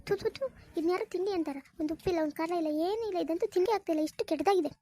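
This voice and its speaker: A woman's voice: very high voice, rapid-fire, warm tone, a little hiss or hum. A woman voicing a sassy young sister-in-law in a cartoon, complaining and mocking. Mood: disgusted.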